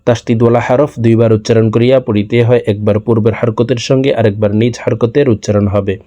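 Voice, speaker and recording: In a Bangladeshi Bengali accent, a man teaches Quran reading, patiently spelling out each Arabic letter and vowel mark in a recitation lesson. His mid-range voice is steady and dark, he talks fast, and the sound is lo-fi.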